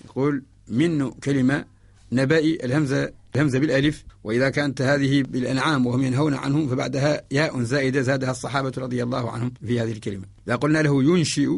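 A man's voice: mid-range voice, vocal fry, dry recording. A man giving a methodical radio lesson, chanting verse lines and then explaining them through example questions to an imagined student. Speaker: Quran spelling teacher.

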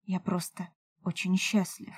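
A woman reading an audiobook voices a young male elf lover who pleads softly and earnestly. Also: fairly low pitch, level tone, unhurried, husky, no room sound. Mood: pleading.

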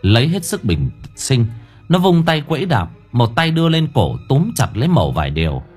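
A man narrating an audiobook in a dramatic, expressive storytelling manner. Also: medium pitch, normal speed, husky, faint music behind.

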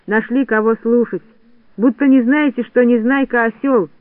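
A clever little fairy-tale shorty, as a male reader puts him on, sounding high and lifted above ordinary talk. He reasons with mild puzzlement. The recording is thin and phone-like, with a dry, close sound. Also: fairly even intonation, normal speed, no echo. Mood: scornful. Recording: dry phone-like narrowband audiobook.

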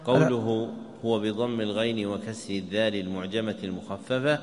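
A man with a fairly low voice teaches a mosque class, commenting on a text in a calm, measured way and pausing to quiz his students. The sound carries the long echo of a large hall.

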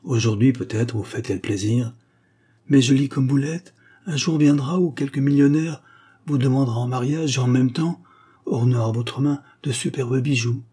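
A man's voice: mid-range voice, dark tone, slightly rough, pitched above the performer's own voice, lightly acted. Man playing a shy young clerk. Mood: timid, wistful. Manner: timid, halting. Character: shy, poor young clerk, tender and timid.

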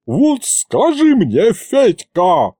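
A man playing a shrill brash older woman, folksy, shouting, dry audiobook sound. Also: wildly swooping pitch, slow pace, no room sound, heavily acted. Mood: indignant. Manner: shouting, folksy dialect speech.

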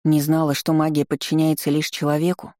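A small pet dragon pleads and urges in an anxious rush, as a storyteller puts him on. The tone is mellow and warm. The audiobook recording is close and dry. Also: mid-range voice, completely flat delivery, fairly quick, dry recording, natural voice. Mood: urgent. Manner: pleading, urgent. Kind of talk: audiobook reading.

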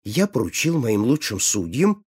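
A husky-voiced man voicing a vain, quick-tempered prince who speaks haughtily and flares up in anger, in a storybook reading. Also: medium pitch, very animated, darkish tone, full character voice. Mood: pleading. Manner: haughty, prone to angry outbursts.

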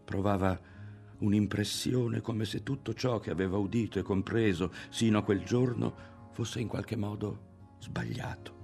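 A man reading a literary novel aloud as an audiobook narrator, in a measured and expressive manner. His voice sits very low and carries a gravelly rasp. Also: soft background music. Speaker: audiobook reader.

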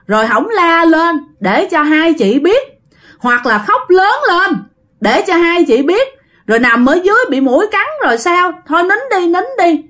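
A woman's voice: very high voice, a bit bright, voice pushed up, heavily acted. A woman with a Southern Vietnamese accent voicing a protective eldest sister who talks in a soothing yet bossy big-sister tone. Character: brave protective eldest sister, coaxing then fierce.

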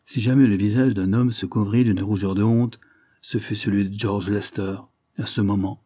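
Male audiobook narrator, husky, low, dark voice, measured delivery, dry close sound. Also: steady tone, dry recording. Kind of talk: scripted narration.

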